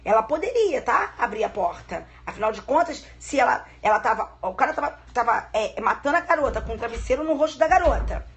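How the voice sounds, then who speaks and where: A woman's voice: fairly high pitch, very animated, brisk, few pauses, breathy edge. A middle-aged woman law professor giving a live-streamed lecture, chatty and affectionate, telling a case as a story.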